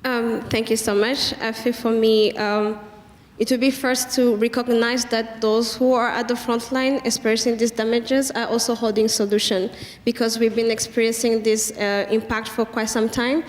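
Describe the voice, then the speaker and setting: Earnest young woman with a flat, high voice. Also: moderate pace, roomy sound, in a large hall. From Rwanda. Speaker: youth climate advocate, panelist.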